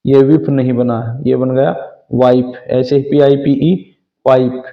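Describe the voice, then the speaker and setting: A man's voice: mid-range voice, little pitch movement, a little slow, gravelly. A man teaching English phonics, spelling out words letter by letter and sounding each part patiently. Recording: dull lo-fi sound.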